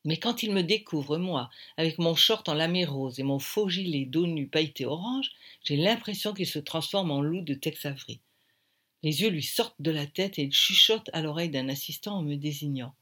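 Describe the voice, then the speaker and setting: A woman narrating an audiobook in a lively, wry way. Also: low-pitched.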